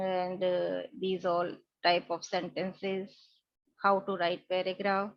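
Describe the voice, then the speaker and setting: A woman's voice: medium pitch, no room sound, muffled recording. A woman teacher, explaining an English lesson in Hindi mixed with English. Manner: slows right down on English phrases.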